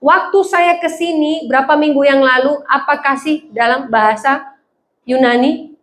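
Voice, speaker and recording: A woman's voice: sits high, normal speed, fairly bright tone. A woman pastor preaching a sermon in a church, telling funny stories and acting out the voices of people she quotes.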